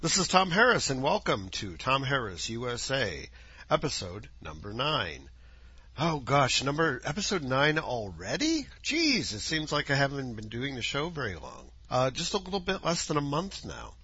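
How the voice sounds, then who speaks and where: A podcast host chats alone into a home mic at a moderate pace, his husky voice scratchy from dust yet lively in pitch and bright and forceful in tone. He rambles, corrects himself and drifts from topic to topic. The recording is dull and lo-fi, with outdoor noises faintly heard.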